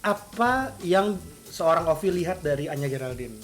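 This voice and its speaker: A man's voice: a little high, expressive, moderate pace. Young Jakarta man hosting a food vlog. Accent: Jakarta Indonesian. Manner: slangy, teasing banter. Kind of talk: casual chat.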